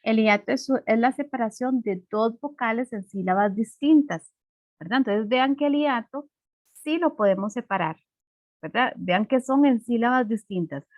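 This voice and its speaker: A woman's voice: fairly high pitch, dry recording, lo-fi sound. A woman teacher giving a class, patiently explaining and checking in with "¿verdad?" often. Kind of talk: online class lesson.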